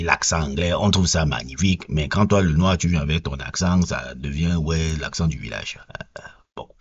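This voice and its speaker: A man's voice: rumbling low, slightly rough, muffled recording. A man from Cameroon with a Cameroonian French accent, reviewing a film in a casual, rambling monologue full of repeated words and fillers. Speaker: film vlogger.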